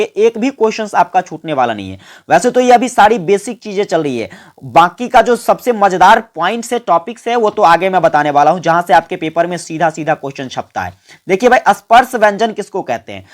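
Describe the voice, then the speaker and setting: A man teaching an exam-prep grammar lesson. He keeps asking the listeners questions, answers them himself, and has them repeat sounds along with him. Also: high-pitched. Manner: quizzes listeners and answers his own questions.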